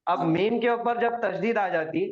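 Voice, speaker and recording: A man teaching an online Quranic Arabic recitation lesson, going slowly, repeating words for students to echo back and quizzing them on the rules. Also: high-pitched. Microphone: video call. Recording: dull lo-fi online class audio.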